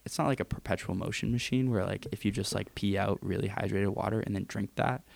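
Young male podcast co-host, gravelly and low, dry home-mic sound, loose and profane. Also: no echo. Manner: casual, profane, fast banter. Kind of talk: casual chat. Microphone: home computer mic with headphones.

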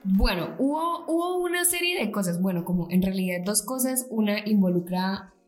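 A woman's voice: mid-range voice, lively intonation, normal speed, echoey room, soft background music. A woman co-hosting a podcast, chatting casually and laughing often as she thinks aloud. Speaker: podcast co-host. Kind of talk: casual chat.

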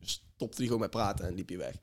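A man's voice: deep voice, lively intonation, quick pace. A man co-hosting a casual podcast, making dry, joking asides. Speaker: podcast co-host.

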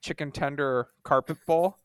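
A man's voice: a little high, normal speed, clear, resonant tone, dry recording. A man co-hosting a sports podcast with casual banter and a wry, dismissive fan's manner.

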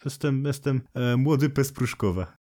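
A young man co-hosting a casual podcast, joking and teasing in a deadpan way. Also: medium pitch, moderate pace. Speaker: podcast co-host.

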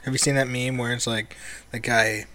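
A young man co-hosting a family podcast in casual chat, relaxed and halting, with lots of fillers and restarts. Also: mid-range voice, a crowd in the background. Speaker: podcast co-host.

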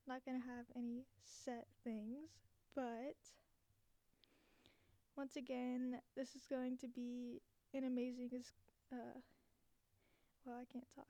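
A young woman hosts a casual solo podcast from under a blanket, her high voice edged with heavy vocal fry. She speaks slowly and slightly breathily, in a giggly, self-deprecating way. The sound is close and very dry. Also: dark tone, no room sound. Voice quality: muffled, as if talking under a blanket. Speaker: podcast host. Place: small dorm room, under a blanket. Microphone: cheap basic recording gear, close up.

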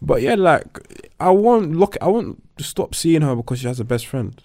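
A man's voice: fairly high pitch, big pitch swings, normal speed, creaky, darkish tone, dry recording. A young man speaks in a London roadman accent, recorded close and dry. He is slangy and opinionated, talking casually as a podcast host among friends. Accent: London, urban roadman slang. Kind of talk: casual group discussion.

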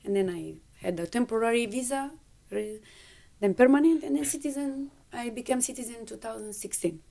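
A woman in her fifties from Romania with a Romanian accent, speaking English as a second language as a podcast guest, halting and searching for words, animated when retelling. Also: a little high, gravelly. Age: 50s. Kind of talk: conversational interview.

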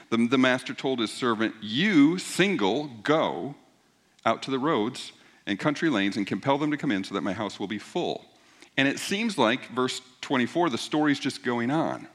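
Male pastor preaching in church, mid-pitched, conversational teacher who pushes key points with emphasis. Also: fairly bright tone. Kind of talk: sermon.

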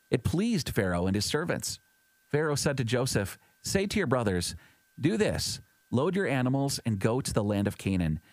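Low-voiced man reading scripture. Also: a little mellow, dry recording. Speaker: scripture reader. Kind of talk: steady scripted Bible reading.

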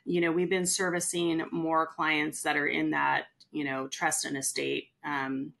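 Chatty low-voiced woman with a gravelly edge. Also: measured pace. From California. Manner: chatty, animated storyteller who acts out quotes. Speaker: real estate agent. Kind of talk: casual podcast conversation.

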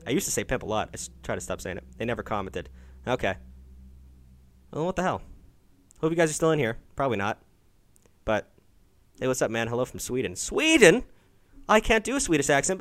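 A young man hosts a casual live stream, reading out chat and taking calls. His pitch is mid-range but swings widely as he reacts with loud, swearing outbursts and quick jokes. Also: sing-song.

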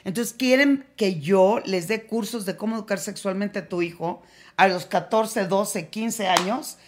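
A woman's voice: mid-range voice, unhurried. Frank Mexican woman explaining openly. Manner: frank, animated, laughs often. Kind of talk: casual podcast chat.

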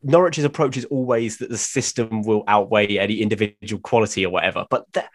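A man's voice: lowish voice, steady tone, fast talker. A man co-hosting a football podcast, talking bluntly and laughing often in casual chat. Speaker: podcast co-host.

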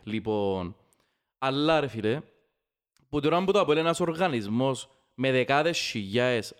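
A man with a Cypriot Greek accent talking football casually, opinionated and emphatic, repeating phrases to drive his point home. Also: medium pitch. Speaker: football fan podcast host. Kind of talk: casual heated football discussion.

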